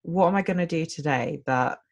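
A woman's voice: deep voice, fairly quick, gravelly. A woman in her late twenties chatting casually, enthusiastic and rambling, with frequent giggles. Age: late 20s. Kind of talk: casual chat.

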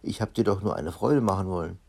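A man voicing a big, bearded, gruff male robber giant from a storybook, growling and boastful. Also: low-pitched, fast talker, darkish tone, heavily acted. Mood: puzzled.

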